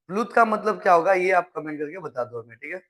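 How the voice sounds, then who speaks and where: High-voiced teacher coaxing his class. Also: expressive, a bit bright. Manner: coaxing, asks questions then answers them; drawn-out recited vowel sounds. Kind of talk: live online class lesson.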